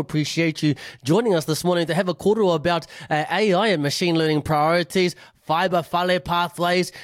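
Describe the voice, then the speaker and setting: A man hosting a radio interview, relaxed and friendly, joking easily with his guest. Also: on the high side, no echo, clean studio sound. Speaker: radio host.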